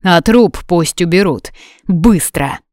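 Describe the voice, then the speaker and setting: A woman's voice: on the low side, lively intonation, slow pace, darkish tone, dry recording, clean studio sound. A woman voicing an arrogant young king who gives clipped, domineering orders in an audiobook reading. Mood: angry.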